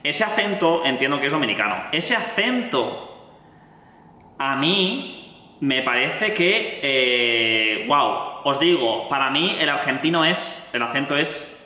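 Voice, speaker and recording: A man from Spain with a Spanish accent, reacting to a song in excited, casual commentary full of fillers and exclamations. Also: medium pitch, slow. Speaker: music reaction youtuber. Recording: echoey roomy sound with long reverb.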